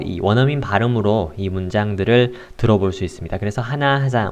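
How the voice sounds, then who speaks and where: A man teaching an English lesson in a casual explanatory way, unhurried and pausing often with filler sounds. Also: medium pitch, darkish tone.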